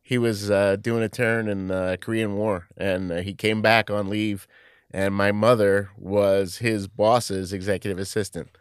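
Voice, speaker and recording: Low, clear man. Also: level tone, a little slow, no room sound, clean studio sound. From Queens, New York. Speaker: interview guest, club communications executive. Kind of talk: casual conversational reminiscence.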